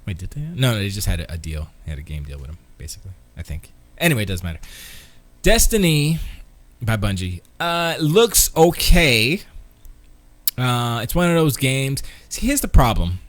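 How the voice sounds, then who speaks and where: A man's voice: mid-range voice, very animated, normal speed, no room sound. A man co-hosting a casual gaming stream, slangy and playfully trash-talking. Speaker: stream co-host.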